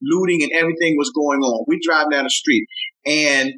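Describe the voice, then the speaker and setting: An older man who mentors youth, talking earnestly in an interview, often repeating himself and rising in pitch when moved. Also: moderate pace, bright, forceful tone, rough recording. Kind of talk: heartfelt conversational interview.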